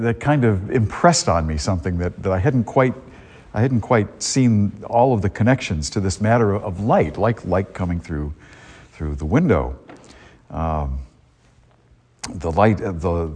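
A man's voice: low-pitched, a little mellow, breathy edge. A man speaking as a priest at a church service, his voice carrying a long cathedral echo. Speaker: priest giving a gospel reading and homily. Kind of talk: church sermon and scripture reading. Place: large reverberant church.

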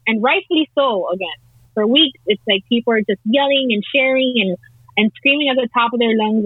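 A woman talks through a conference call line that sounds thin and tinny. Her voice sits a little high with a slight husky edge. She is earnest and halting, restarting her sentences as she searches for words. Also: no echo. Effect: conference call audio. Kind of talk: casual discussion.

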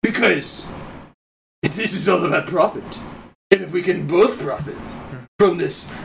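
A man acts out a grand, profit-minded fantasy trader at a game table. His speech is formal and flowery, pitched high. The recording is distant, with clear noise behind. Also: measured pace. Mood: courtly, persuasive.

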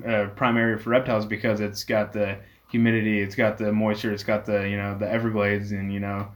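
An owner of a reptile rescue, interviewed as a guest, explains things in a relaxed, meandering manner packed with fillers, especially "you know." His voice sits on the low side, with a flat delivery and a slightly fast pace.

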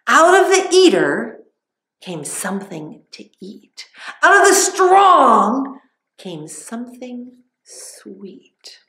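A woman's voice: a little high, very animated, slow pace, a bit bright, voice pushed up, heavily acted. A woman voicing Samson, a strong young man who teases wedding guests with a riddle. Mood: teasing. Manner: teasing, riddling. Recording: roomy echo.

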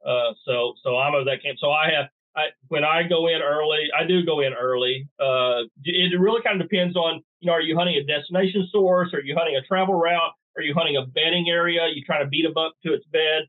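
Middle-aged man, folksy and drily sarcastic, fairly high voice, tinny phone-line sound. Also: fairly quick, hardly any pauses. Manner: folksy, dry sarcastic humor. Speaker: guest bowhunter. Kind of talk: podcast interview.

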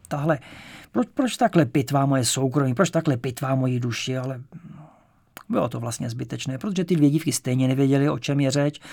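Man reading memoir audiobook, calm, gravelly edge, dry close sound. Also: medium pitch, no echo. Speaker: audiobook narrator. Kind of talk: first-person memoir narration.

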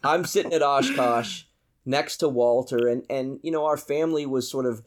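A man's voice: medium pitch, normal speed. A man with a Boston accent telling an anecdote casually as a podcast guest, with teasing asides. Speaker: podcast guest, aerobatic pilot.

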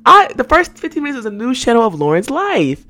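On her casual solo podcast, a nineteen-year-old host from Atlanta, Georgia chats openly, laughing often and abandoning sentences midway to begin again. Her fairly high, sharp voice swings hugely in pitch and moves at a fairly quick clip.

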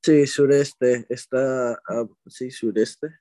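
A man's voice: medium pitch, slow pace, no echo, studio quality. A young man from Ecuador, talking casually as an interviewee, rambling a little and correcting himself as he goes. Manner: relaxed, rambling, with hesitations and self-corrections. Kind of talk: casual conversation.

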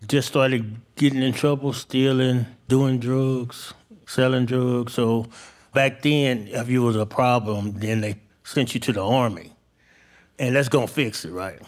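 A man from Arkansas, telling his story candidly and informally as a guest on stage, in halting phrases. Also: medium pitch, fairly even intonation. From Arkansas, United States. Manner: plain-spoken, informal, halting. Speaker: interview guest, barbecue cook. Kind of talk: candid personal storytelling in a live interview. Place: on stage at a live show.

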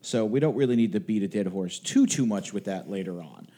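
Wry, rambling man with a lowish voice. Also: lively intonation, a little fast, warm tone. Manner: wry, rambling storyteller with mild swearing. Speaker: podcast co-host. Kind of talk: casual chat.

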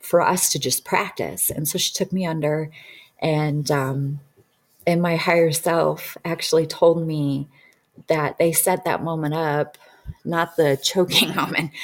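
A woman in her thirties speaks with a notably low voice. She tells her story casually as a healing practitioner, rambling along with frequent fillers and restarts. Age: 30s.

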